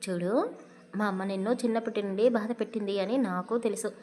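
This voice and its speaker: A woman voicing a young husband who talks to his wife in a gently teasing, amused way. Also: mid-range voice, fairly even intonation, fairly quick, close to an everyday voice.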